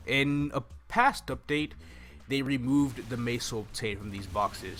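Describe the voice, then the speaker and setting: Game music plays while a young man hosts a casual walkthrough video, musing out loud in a meandering way. His voice is mid-range with a fairly bright tone, picked up by a close stand microphone in front of him.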